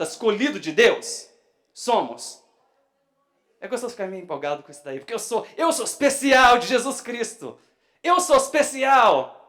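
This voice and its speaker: Loud excitable preaching man. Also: on the high side. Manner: excitable preaching, voice rising loud when animated. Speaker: pastor. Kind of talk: sermon. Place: church.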